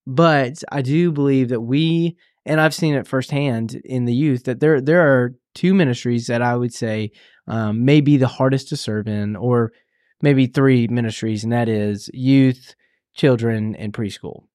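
A man co-hosts a church podcast in a relaxed, halting way, stopping on fillers and restarting his sentences. His voice sits at an ordinary middle pitch. The sound is dry and close. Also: no room sound. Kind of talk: casual conversation.

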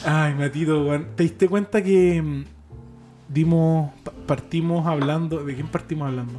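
A man's voice: a little high, steady tone, measured pace, mellow, soft background music. A young man with a Chilean accent, co-hosting a casual podcast and telling rambling, slangy stories with frequent laughs. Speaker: podcast co-host. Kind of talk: casual chat. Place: home living room.

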